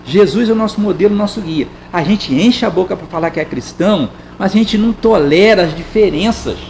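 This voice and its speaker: A man's voice: high voice, brisk, gravelly, darkish tone, slight background noise, low-quality recording. A man with a Brazilian accent giving a public talk at a spiritist center, conversational and full of rhetorical questions. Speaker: spiritist lecturer.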